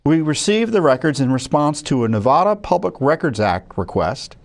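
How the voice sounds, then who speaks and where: With a fairly high-pitched, slightly mellow voice, an American spokesman for a watchdog group presents records in news commentary to camera. He mixes reading with ad-libbing, frequently tripping up and correcting himself in a conversational way.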